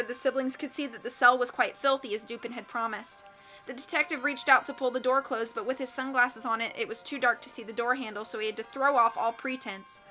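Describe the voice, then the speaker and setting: A woman narrates a storybook aloud in a steady, expressive way. Her voice sits slightly high and sounds bright. Faint music plays behind her. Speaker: audiobook reader. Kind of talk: storybook reading.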